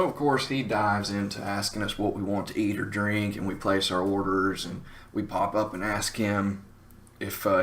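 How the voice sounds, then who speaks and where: A man with a deep voice, sharp tone and Southern US accent tells a casual comic anecdote as a storyteller and show host, wordy, wry and self-mocking.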